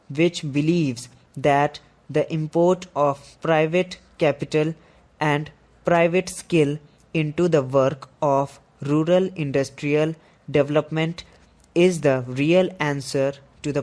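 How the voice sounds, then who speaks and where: Man, higher-pitched voice, very slow pace, measured scripted dictation, deliberate pauses between phrases. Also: darkish tone. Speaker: shorthand dictation reader.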